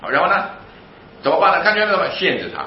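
A man delivers a rapid sermon, firing off rhetorical questions and answering them himself. His voice sits at an ordinary pitch. The room rings around him on a slightly dull recording with a faint hum of ambience behind. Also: reverberant. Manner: animated and emphatic. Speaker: preacher.

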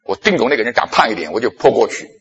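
A man preaching a sermon, telling stories from his own life and acting out his past self in animated bursts. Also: mid-range voice, very fast, slightly rough, dull audio. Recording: long echo of a large hall.

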